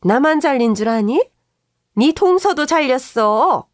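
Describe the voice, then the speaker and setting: A woman voicing a furious, domineering older mother-in-law who yells and accuses in a high, loud voice. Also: animated, a little slow, dry recording, clean studio sound. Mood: shouting, accusing. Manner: yelling, accusing.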